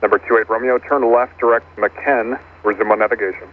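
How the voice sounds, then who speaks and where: A man speaks as an air traffic controller over the radio in brisk, clipped procedural phrases. The transmission is narrow and tinny, with clear noise around it. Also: fairly low pitch, fairly even intonation. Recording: thin phone-like radio audio, clear noise.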